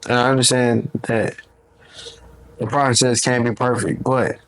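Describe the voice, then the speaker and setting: A man's voice: medium pitch, fairly even intonation, a little slow, fairly bright tone, poor audio. A man co-hosting a podcast, giving emphatic, opinionated takes in casual chat and swearing freely. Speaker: podcast co-host.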